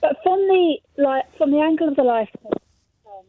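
A woman in her fifties phones in to a radio show over a tinny, narrow phone line. Her voice is wobbly and warbling and sits a touch high. She speaks haltingly, with ums and restarts, in a dry, close sound. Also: expressive, dry recording. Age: 50s. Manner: hesitant, with many ums and restarts. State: wobbly, warbling voice that goes wonky at times. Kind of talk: casual phone-in call. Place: on a phone call to a radio studio.

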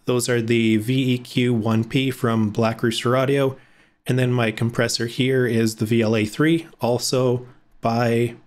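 A man in his thirties giving a casual screen-recorded video editing tutorial from a home room. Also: medium pitch. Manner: explanatory, casual, with fillers. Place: home room with blackout curtains.

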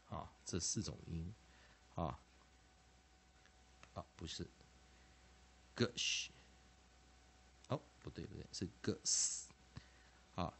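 A man with a low voice teaching English pronunciation to Chinese-speaking students. His pitch moves about a lot, and he fills pauses with little particles as he explains. He repeats each word slowly, drawing out the syllables. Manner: repetitive, drawn-out syllables, frequent filler particles. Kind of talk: classroom lesson explanation.

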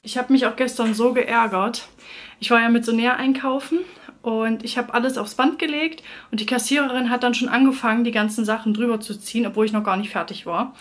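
A woman in her thirties, a mother of three, chats casually in her daily family vlog, speaking fairly quickly in a fairly high, steady voice. She films in furnished rooms at home, with a camera held or propped at arm's length.

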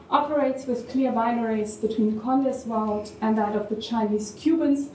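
A woman with a German accent giving measured, thoughtful academic remarks as a panel discussant, with a touch of wry humor. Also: on the high side, a little mellow, slight background noise. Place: university event hall. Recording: echoey room, distant mic, faint ambience.

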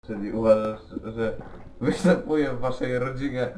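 Male co-host, mid-pitched, keeps needling the guest with mock-serious questions. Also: normal speed, roomy sound, background noise. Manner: teasing, probing questions. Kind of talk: amateur spoof interview show.

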